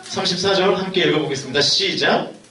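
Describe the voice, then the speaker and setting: A man's voice: sits high, brisk, bright, forceful tone. A young man preaching a sermon as a youth pastor, putting questions to the congregation. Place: church sanctuary. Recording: echoey hall, mic heard from a distance.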